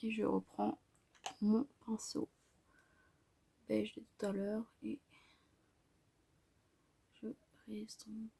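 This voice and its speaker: A woman narrating a makeup tutorial in a soft, hesitant way, often dropping to a whisper. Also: medium pitch, flat delivery, extremely slow, gravelly, long pauses, husky. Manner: hesitant, many fillers. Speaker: makeup vlogger.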